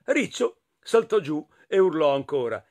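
An expressive man with an Italian accent reads a picture book to children. His voice sits high and moves constantly, rising and falling with the story. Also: measured pace. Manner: expressive, playful, talks to listeners.

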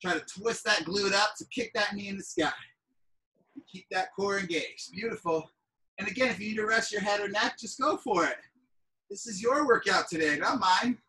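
A woman's voice: medium pitch, moderate pace, bright, forceful tone, slight background noise. A woman leading a fitness class as instructor, coaching with countdowns and upbeat, hyped encouragement, often raising her voice to cheer people on. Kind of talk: energetic workout coaching with countdowns. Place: indoor room, live group video call. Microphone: device set back from the exerciser. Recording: distant mic on video call.

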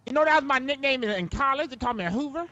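A man's voice: very high voice, lively intonation, very fast, pushed and bright, dull audio, full character voice. A man doing a crude foul-mouthed old woman. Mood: boastful. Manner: swears constantly, brassy and blunt. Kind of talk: game role-play in character.

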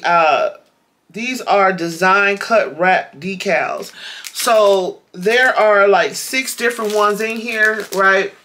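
Woman vlogger, slow unhurried delivery, bright forward tone, chatty with fillers, faint hiss behind. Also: mid-range voice. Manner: chatty, addresses viewers as y'all, many fillers. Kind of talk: casual unboxing chat.

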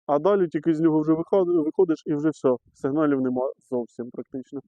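A man's voice: fairly high pitch, quick pace, mellow, no echo. A middle-aged man filming himself metal detecting outdoors on a meadow, chatting casually to his viewers and calling them friends as he digs. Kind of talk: casual commentary to camera while digging. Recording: slightly dull lo-fi recording.

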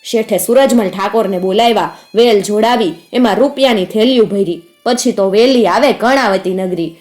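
A woman with a Kathiyawadi Gujarati accent narrating a folk tale in a steady, vivid manner. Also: medium pitch, normal speed, soft background music.

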